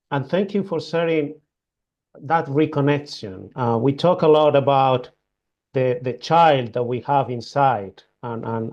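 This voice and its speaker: A man hosting an interview, asking long questions in a hesitant way with many pauses. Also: mid-range voice, darkish tone, muffled recording. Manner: hesitant, many fillers and restarts. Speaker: host.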